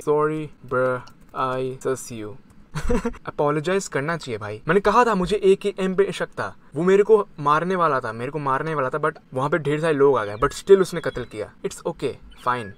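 A young man giving chatty, excitable commentary on his game, mixing Hindi and English. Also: a little high. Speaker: gamer. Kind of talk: casual gaming commentary.

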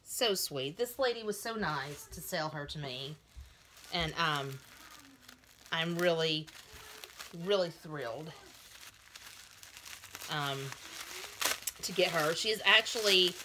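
This low-pitched woman in her thirties, a doll collector vlogging at home beside her cat and child, takes her time and pauses often as she unboxes a doll. Her intonation is lively as she gushes over every little item, though the background is noisy.

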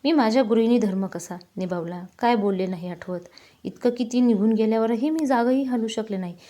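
A woman reading a heartfelt story aloud in a calm, measured, emotive way. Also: fairly high pitch.

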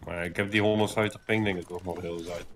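A man's voice: deep voice, steady tone, fast talker, a little hiss or hum. A young man talking casually with teammates over a gaming voice chat.

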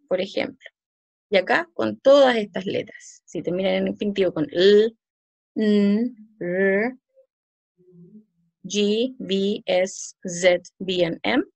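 A woman's voice: mid-range voice, creaky, dry recording. A woman teacher with a Chilean Spanish accent, patiently explaining English pronunciation rules to her class in a recorded lesson, often checking that students follow. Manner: slow, patient explaining, with many "¿cierto?" and "¿ya?" checks.

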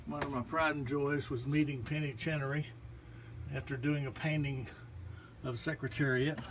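This man's voice is a little high and moves at a moderate pace over some background noise. He's an artist casually guiding people through a small gallery, indicating each painting in turn with an easygoing, folksy manner. The narration was filmed on a handheld phone.

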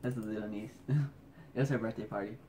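A man's voice: lowish voice, steady tone, fast talker, a little mellow, a little hiss or hum. A man vlogging casually at home at night, keeping his voice down so he won't wake the house, rambling and joking at his own expense as he scrolls through old photos. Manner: rambling, self-mocking.

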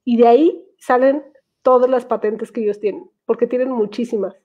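A young woman with a Mexican accent, chatting as a guest speaker over a headset, quick and prone to laughing. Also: on the high side, steady tone, mellow. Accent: Mexican Spanish. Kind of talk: casual online talk. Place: small room at home. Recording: tinny video call audio.

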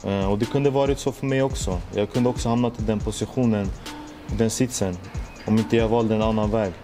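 Over music, a young man from Sweden speaks in a fairly low, steady voice. He's a musician looking back on his life in an earnest personal monologue, peppered with street slang and "du vet."

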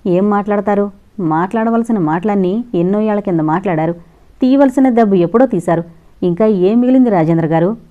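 A woman's voice: mid-range voice, fairly quick, lightly acted. Brief: principled proud father, bitter and emotional, read by a woman, storybook audio, muffled sound. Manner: emotional, forceful. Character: middle-aged man, proud principled father, wounded. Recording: dull lo-fi recording.

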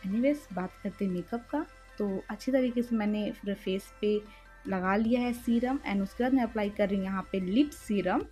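Soft-spoken woman doing a chatty makeup voice-over. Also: on the high side. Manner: chatty, speaks softly and slowly at night. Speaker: beauty vlogger. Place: room in a house by a main road at night. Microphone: home voice-over recording.

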